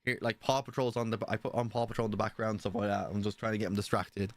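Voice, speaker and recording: A man's voice: lowish voice, flat delivery, fast. A young man telling a personal story in a casual, rambling way, often swearing and asking "you know what I mean". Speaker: stream participant.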